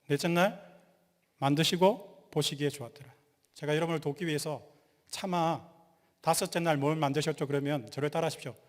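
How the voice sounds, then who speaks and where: A male pastor giving a lively sermon, quizzing the congregation and joking with them. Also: fairly high pitch. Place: church sanctuary. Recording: long hall reverb.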